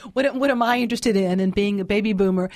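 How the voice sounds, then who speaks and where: A woman's voice: mid-range voice, fast talker, a little mellow, no room sound, clean studio sound. A woman, a guest chatting casually in an interview with many fillers and restarts. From New Orleans. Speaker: guest author.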